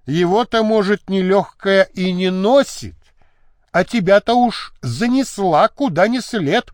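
A man's voice: high-pitched, unhurried, dry recording, clean studio sound, pitched above the performer's own voice. A man playing a rude, mocking police officer in an audiobook.

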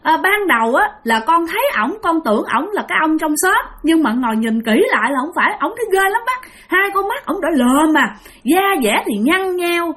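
A woman's voice: very high-pitched, big pitch swings, moderate pace, a bit bright, voice pushed up, full character voice. A woman voicing a frightened young boy pleading with his uncle in a spoken ghost story. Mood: urgent.

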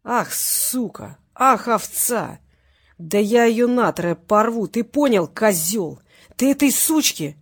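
A woman voicing a crude, angry male gang boss who curses slowly over the phone, in an audiobook. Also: on the low side, slightly rough, dry recording. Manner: slow, cursing, snarling.

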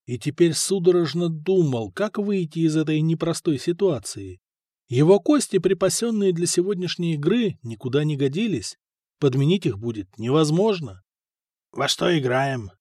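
A man narrating an audiobook in a measured storytelling manner. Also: fairly high pitch, animated, mellow, no room sound, clean studio sound. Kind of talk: scripted narration.

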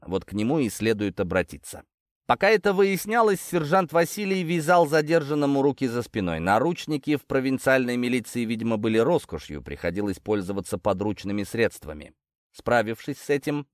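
A man's voice: mid-range voice, dry recording, clean studio sound. A man reading a first-person story as an audiobook, telling it expressively. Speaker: audiobook narrator.

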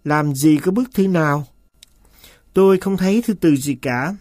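A man's voice: a little high, a little slow, darkish tone, dry recording, natural voice. Sulky servant for an audiobook, stubborn and evasive, read by a man, dry close sound. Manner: stubborn, insistent denials. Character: sullen, evasive male manservant.

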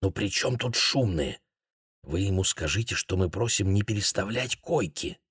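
A wry fellow delegate in an audiobook who murmurs softly, as a male reader puts him on. The voice drops well below the narrator's usual level, close and dry. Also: deep voice, lively intonation, moderate pace, breathy edge, dry recording, heavily acted. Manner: hushed, wry.

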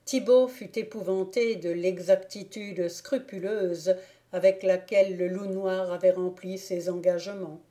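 Woman, audiobook reader, classic novel narration, mellow dark voice, measured even delivery. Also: on the low side. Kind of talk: scripted literary narration.

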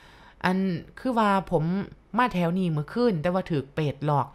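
A woman's voice: lowish voice, animated, moderate pace, lightly acted. A woman voicing a nervous young village man who pleads politely.

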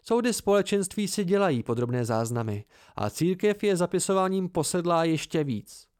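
A man voicing a weary, soft-spoken innkeeper in an amateur audiobook, with a raised, plaintive delivery. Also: sits high, big pitch swings, smooth, dry recording, studio quality, voice pushed up.

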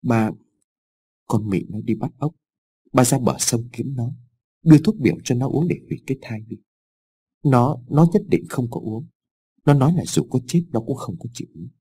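Male narrator as a terrified, guilt-ridden old father; stammering, husky, mellow. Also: medium pitch, normal speed, pauses often. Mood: crazed confession. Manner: stammering, half-mad confession.

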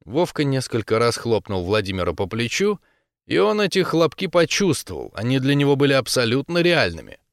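Male audiobook narrator: even, steady delivery, mid voice, dry recording. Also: medium pitch, brisk, no echo. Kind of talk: scripted narration.

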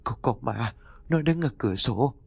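A man voicing a cowardly old rich landlord who shouts in panic. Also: mid-range voice, lively intonation, normal speed, vocal fry, slightly rough, no room sound. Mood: panicked.

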